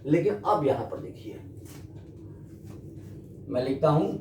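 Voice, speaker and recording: In an echoey room with faint background noise, a man slowly teaches a grammar lesson, his pitch swinging widely with lively intonation and a darkish tone. He addresses the students, repeatedly posing questions and then answering them himself.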